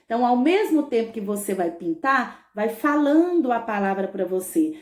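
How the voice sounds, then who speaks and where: A schoolteacher giving a patient remote lesson to young pupils, drawing out words and checking in often. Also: female voice, a little high, sing-song, moderate pace. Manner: patient, stretches words, frequent "tá bom?" check-ins. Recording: echoey room.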